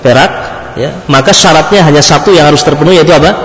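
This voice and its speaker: A male religious teacher giving a lecture in a large mosque. He asks his listeners questions, pauses for them to fill in the answers, then supplies them himself, and drops Arabic terms into his talk. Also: a little high, fairly bright tone. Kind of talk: classroom-style religious lecture. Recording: echoey mosque hall with long reverb.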